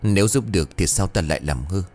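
A man's voice: sits low, lively intonation, quick pace, a little mellow, faint music behind. A man voicing an old male exorcist master in a ghost story, speaking solemnly and with resignation. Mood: resigned.

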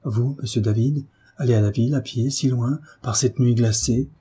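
A man's voice: medium pitch, fairly even intonation, normal speed, dark tone, slightly rough. A man voicing a panicked female servant, fretful and pleading, in a storybook reading. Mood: anxious.

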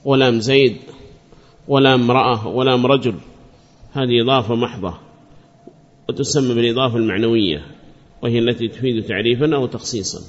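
A man's voice: mid-range voice, fast talker, long pauses. A male teacher giving a classroom grammar lesson, repeating his points and quizzing students by name, praising their answers. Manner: repeats and restates points patiently. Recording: muffled lo-fi recording.

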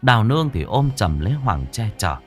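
Expressive male ghost-story narrator. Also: lowish voice, brisk, soft background music.

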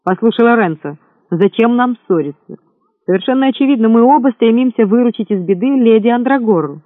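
A man voicing an impulsive, hot-tempered adventurer who talks in an excitable, indignant way. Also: very high-pitched, brisk, dry recording. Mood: persuasive. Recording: thin phone-like sound, dry.

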